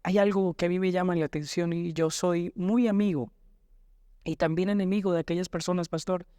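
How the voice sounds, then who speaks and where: A man's voice: high voice, steady tone, fairly quick, dark tone, smooth, dry recording. A man with a Colombian accent, a pastor who asks questions, affirms and reads scripture in a Bible lesson discussion. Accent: Colombian Spanish.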